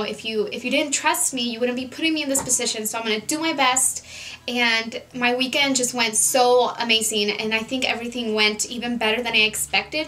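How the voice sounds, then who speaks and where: A woman's voice: a little high, bright, forceful tone. A young woman in her twenties chatting casually on her vlog, earnest and full of "like" and "you know" fillers. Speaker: beauty vlogger. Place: home, Southern California.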